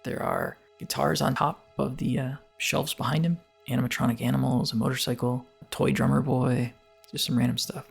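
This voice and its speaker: A man's voice: mid-range voice, fairly even intonation, normal speed, gravelly, slightly rough, faint music behind. A man narrating a game playthrough, reading on-screen text and dialogue choices aloud. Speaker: let's play narrator. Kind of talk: let's play commentary.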